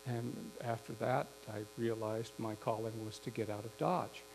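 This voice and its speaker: A man preaching a sermon, telling a story slowly and reflectively with some restarts. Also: mid-range voice, steady tone, vocal fry. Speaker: pastor. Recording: faint mains hum.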